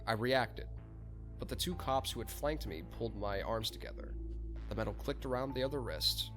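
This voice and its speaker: A man's voice: mid-range voice, animated, normal speed, fairly bright tone, soft background music. Man narrating a first-person story. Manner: laughs and swears freely in chat. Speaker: podcast host and narrator.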